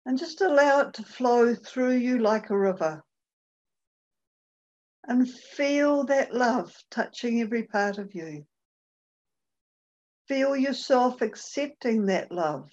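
A woman leading a guided meditation, speaking gently and unhurriedly with long pauses. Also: a little high, expressive, highs cut off.

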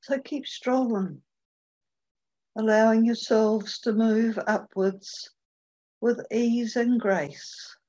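A woman leading a guided meditation, speaking gently and unhurriedly with long pauses. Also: on the high side, fairly even intonation, dull audio.

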